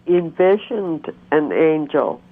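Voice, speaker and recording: Slow-talking woman caller on a phone line. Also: low voice, animated. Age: 50s. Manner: insistent, keeps talking over interruptions. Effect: caller heard over a phone line. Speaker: radio show caller. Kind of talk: earnest personal storytelling. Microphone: telephone.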